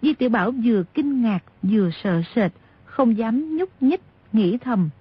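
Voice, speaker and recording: Husky woman narrating a novel. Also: on the high side, lively intonation, unhurried. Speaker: audiobook narrator. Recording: dull lo-fi audio.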